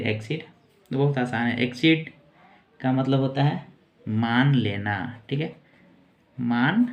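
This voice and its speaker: Man teaching English words slowly. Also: mid-range voice. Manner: slow, repetitive word-by-word explaining. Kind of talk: casual teaching.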